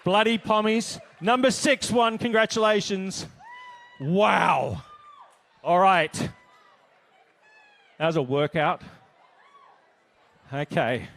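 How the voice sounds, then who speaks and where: A man with an Australian accent working as an auctioneer at a gala, calling bids in a booming, rhythmic, playful way into a handheld mic in a hotel ballroom. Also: takes it slowly, creaky, pauses often, fairly bright tone, some chatter behind. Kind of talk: live charity auction calling.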